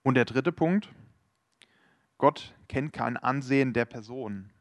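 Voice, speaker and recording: A man's voice: mid-range voice, slow, no echo. A man preaching a sermon, explaining scripture and earnestly addressing his listeners directly.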